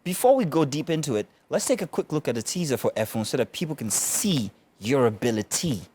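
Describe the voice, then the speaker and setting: A man leads the interview in a mid-range voice. He keeps it conversational, restating answers and nudging along with quiet mm-hmms. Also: medium pitch, big pitch swings, brisk, husky. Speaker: interview host. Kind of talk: interview questions.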